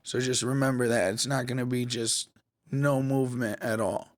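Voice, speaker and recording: A man's voice: medium pitch, steady tone, normal speed, no room sound. Casual man with a dry close mic. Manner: casual, conversational, talks to viewers as guys. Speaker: tech tutorial host. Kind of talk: screen-recorded software tutorial.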